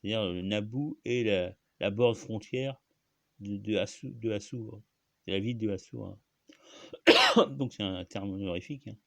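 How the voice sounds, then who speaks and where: A man with a fairly low voice talks alone about where words come from. He hesitates and restarts often and stops to cough. The sound is dry and close, with little room echo. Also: expressive, moderate pace, gravelly, a bit bright. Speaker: host. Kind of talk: rambling solo talk on language.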